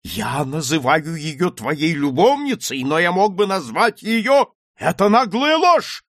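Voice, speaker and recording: A man voicing an agitated young man who defies his father in loud, tense outbursts. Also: on the high side, sing-song, slow pace, dry recording, clean studio sound, pitched above the performer's own voice, exaggerated voice. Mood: furious.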